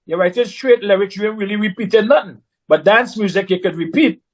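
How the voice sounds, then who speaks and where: A middle-aged recording artist, appearing as a guest, tells a story in a relaxed, conversational manner with a strikingly high voice. He speaks fairly quickly and with animation, imitating other people's voices when quoting them. The audio quality is poor.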